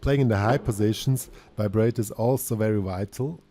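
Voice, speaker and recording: Here the low-voiced guitar instructor moves briskly through a relaxed lesson, chatting away with self-mockery, frequent ums and false starts. Loud guitar plays in the background.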